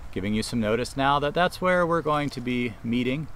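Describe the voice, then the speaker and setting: A man's voice: mid-range voice, lively intonation, brisk, fairly bright tone, a little hiss or hum. A man in his thirties, an associate pastor, giving a casual, conversational church welcome with frequent fillers, recorded outside in a shady park. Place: outdoors in a shady park under trees.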